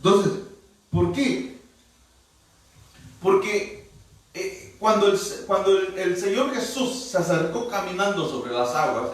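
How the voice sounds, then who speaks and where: A man preaching a sermon as pastor, animatedly acting out Bible dialogue. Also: a little high. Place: church hall. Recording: echoey church hall, distant mic.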